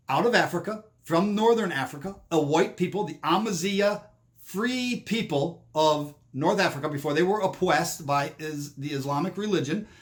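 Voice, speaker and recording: A man's voice: sits high, fairly bright tone. A man giving a rambling monologue commentary, often restarting and repeating himself.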